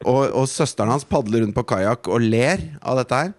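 A man's voice: medium pitch, expressive, dry recording, clean studio sound. A man, co-hosting a podcast and telling a story in an indignant, profane way. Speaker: podcast co-host. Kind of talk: casual chat.

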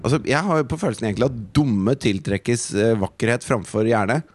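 A man, co-hosting a podcast and telling a story in an indignant, profane way. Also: mid-range voice. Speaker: podcast co-host. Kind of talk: casual chat.

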